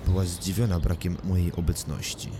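Man, audiobook narrator, first-person thriller, low voice, measured, hiss and crickets behind. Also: little pitch movement.

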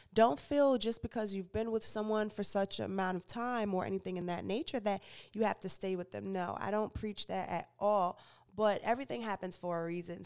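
A woman's voice: mid-range voice, clear, resonant tone. A young woman hosting a podcast and radio show, giving casual, opinionated entertainment news commentary and often correcting herself. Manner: chatty, opinionated, frequent self-corrections and stumbles.

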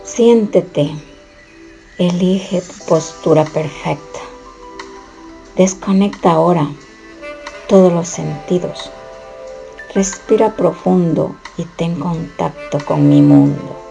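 A woman from Ecuador reads a guided relaxation in a soothing, instructive way. She speaks very slowly in a lowish, gravelly voice. Music plays clearly behind her. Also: sing-song. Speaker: contributor reciting her own text. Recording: soft music playing behind.

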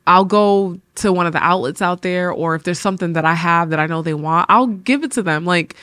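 A woman hosting a podcast, telling a personal faith story in an animated, laughing way and acting out the people she quotes. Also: fairly low pitch, a little fast, no room sound, clean studio sound. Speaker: podcast host.

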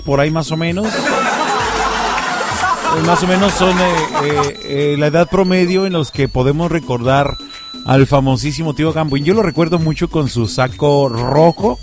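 A Mexican man around his late thirties hosting a radio show with casual, slangy banter, joking and laughing easily. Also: a little high. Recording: music playing under the voice.

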